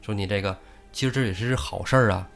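A man's voice: fairly low pitch, fast talker, vocal fry, faint music behind. A man, hosting and telling a comic story in a chatty, joking crosstalk way. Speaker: host.

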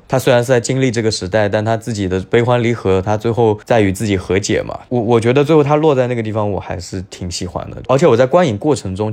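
A man's voice: lowish voice, a little mellow. A man co-hosting a podcast, chatting casually about films in a thoughtful, rambling way with frequent restarts. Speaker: podcast co-host. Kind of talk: casual film chat.

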